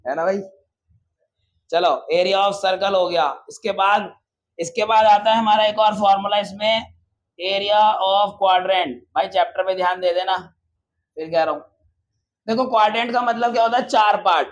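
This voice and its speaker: A man with a high voice teaches a maths lesson to a room of students. He is lively and casual, calls them brother, and keeps asking the class questions before answering them himself. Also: normal speed, low-quality recording.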